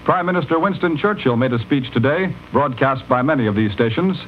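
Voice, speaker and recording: A man delivering a 1940s radio news bulletin in a formal, measured announcer manner, heard as an old newsreel radio broadcast. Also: medium pitch, lively intonation. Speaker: radio newscaster. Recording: dull lo-fi archival radio with faint hiss.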